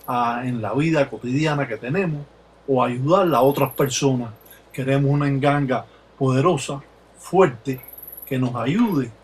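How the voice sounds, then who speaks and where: A man's voice: medium pitch, a little mellow, slight background noise, low-quality recording. A man leading a repetitive ritual prayer and then explaining the practice to viewers. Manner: rhythmic repetitive incantation. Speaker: Palo practitioner.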